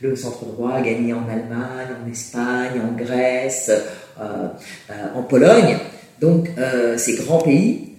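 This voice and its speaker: A man's voice: mid-range voice, takes it slowly, darkish tone. A man giving a political analysis in an interview, with many fillers and restarts. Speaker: political commentator. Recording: echoey, distant from mic.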